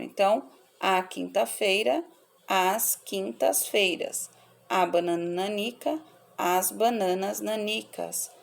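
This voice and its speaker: A woman teacher reads out and corrects workbook answers for children in a slow, patient way. Her voice has a strong gravelly fry, and she goes through the word lists one at a time. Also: mid-range voice, a little mellow. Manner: slow, measured listing of words for pupils.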